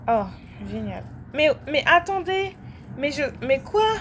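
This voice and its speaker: Young french girl gaming and chatting, high voice, rambly, keeps restarting sentences, yelps now and then. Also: sing-song, slow pace, a bit bright, slight background noise. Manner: rambling, lots of fillers and restarts, sudden outbursts. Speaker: gaming vlogger. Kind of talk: casual chat while playing.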